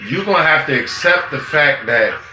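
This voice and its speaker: A man's voice: lively intonation, moderate pace. Man, vlogger, unscripted street-talk rant, cussing and preachy, echoey room with music underneath. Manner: profane and preachy, swinging between loud outbursts and low muttering. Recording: roomy, with music playing behind.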